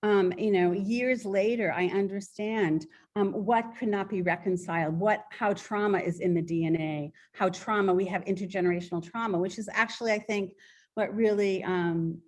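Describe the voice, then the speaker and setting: A woman's voice: medium pitch, fairly even intonation, normal speed, darkish tone. A middle-aged woman poet talking in an interview, chatty and digressive with frequent restarts, at times reading her poems aloud. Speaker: poet and author guest. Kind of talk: conversational interview and poetry reading.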